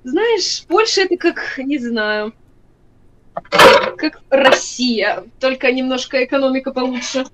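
A woman in her twenties from Poland with a Polish accent, chatting calmly over a video call from her kitchen. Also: high voice, measured pace, very noisy. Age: 20s. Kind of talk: casual video chat. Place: home kitchen. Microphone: webcam video call. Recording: dull lo-fi webcam sound.

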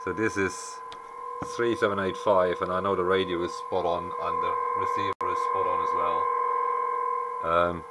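An amateur radio repairer gives an unscripted technical walkthrough at an electronics bench in a small indoor workshop, his very low voice picked up by a camera mic over clear background noise. He's matter-of-fact, working things out aloud at a normal speed with little pitch movement.

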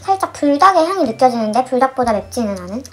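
A woman talking through a mouthful of noodles, chewing as she comments on the taste between bites. Her voice sits a bit high and she speaks very fast, with faint background music behind her. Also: very animated, a bit bright. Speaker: mukbang vlogger. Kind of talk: casual food vlog talk.

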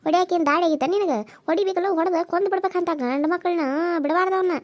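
A woman's voice: very high-pitched, fast talker, no echo. A woman voicing a blunt, fiery older village aunt in a cartoon serial, with a North Karnataka Kannada accent, scolding and indignant.

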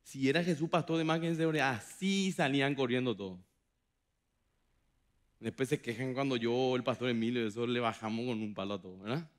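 A man preaching a sermon as pastor, dramatic, acting out quoted voices with big swings from loud to hushed. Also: mid-range voice, brisk. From Paraguay. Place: church hall.

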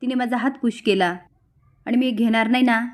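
A woman's voice: a little high, fairly even intonation, normal speed, close to an everyday voice. A woman voicing an anxious, caring young woman explaining what happened in a serial recap. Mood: flustered. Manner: flustered.

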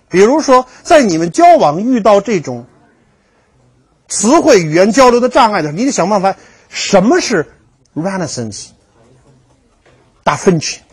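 A man's voice: sits high, breathy edge. A man giving a history lecture to a class, telling stories with jokes and acting out the dialogues. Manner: storytelling, jokey, acts out dialogues.

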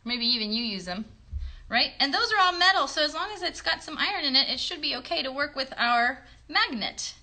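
High-pitched, bright, and a little pushed, this woman's voice has lively intonation and a slightly fast pace. A children's puppet show host in her thirties, she casually guides a craft demonstration from her bedroom, questioning young viewers to keep them engaged, recorded on a phone at arm's length.

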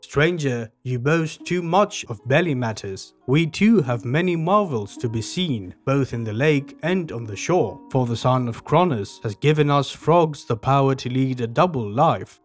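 A deceitful frog king from an old storybook epic, speaking in grand, formal recitation as a man reads him aloud. His voice sits at an ordinary middle pitch, with soft music in the background. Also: natural voice.

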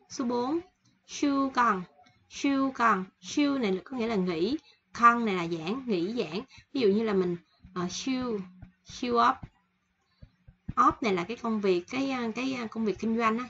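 A woman with a cold teaching Korean vocabulary in a casual online lesson, slowly repeating and explaining each word from a list. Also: fairly high pitch, bright, forceful tone, highs cut off, slight background noise. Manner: slow repetitive explaining, reading word lists. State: has a cold.

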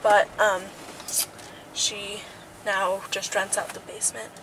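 This woman's medium-pitched voice is flat and unhurried as she vlogs a tour of a horse barn and its surrounding grounds. Shot on a noisy handheld camera, her casual commentary rambles and tends to trail off.

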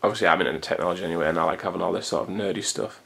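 A man's voice: deep voice, steady tone, racing, vocal fry, fairly bright tone, slight background noise. A man, chatting casually to his own camcorder at home in a rambling way. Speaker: vlogger. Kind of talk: casual chat to camera. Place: hot room at home. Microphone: camcorder built-in mic.

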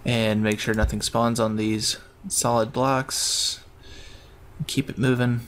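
A man's voice: medium pitch, level tone, takes it slowly, fairly bright tone, slight background noise. A man giving casual gameplay commentary, thinking aloud in a rambling way. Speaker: gamer narrating his own play.

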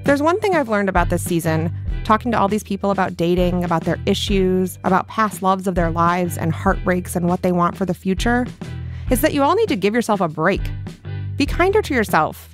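A woman with a mid-range voice hosts a podcast. She asks questions and narrates in a sincere, gently encouraging way. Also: mid-range voice, expressive, fairly quick, faint music behind. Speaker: podcast host. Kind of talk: interview and scripted narration.

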